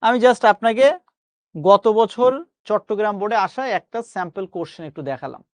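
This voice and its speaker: A man's voice: sits high, animated, brisk, no room sound. A man teaching a pronunciation class online, reassuring his students and slipping English phrases into his lecture.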